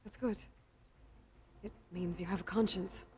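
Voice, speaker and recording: A young woman voices a determined young female hunter in a video game, speaking directly and inquisitively with a steady mood. Her voice sits on the low side, mellow with a breathy edge, and she talks unhurriedly with fairly even intonation. Music plays in the game audio.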